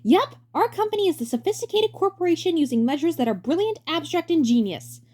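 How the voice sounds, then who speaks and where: A woman's voice: extremely high pitch, sing-song, fairly quick, dark tone, voice pushed up. A woman voicing a grinning, pushy male turtle director in a cartoon story, with a hammy, theatrical salesman delivery. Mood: eager, pushy. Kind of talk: dramatic reading of a cartoon fan story.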